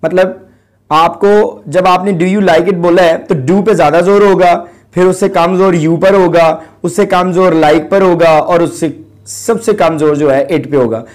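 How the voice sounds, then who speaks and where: Slow-speaking man teaching English. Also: high-pitched, fairly even intonation. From Pakistan. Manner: slow and deliberate, mixing Urdu with English; drawn-out emphasis on English words. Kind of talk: recorded classroom lesson.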